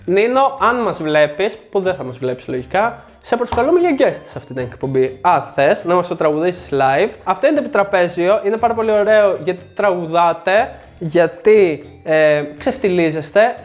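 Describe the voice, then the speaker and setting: A man's voice: high voice, expressive, soft background music. A young man hosting a board game review show, presenting in a scripted, joking way with sarcastic asides.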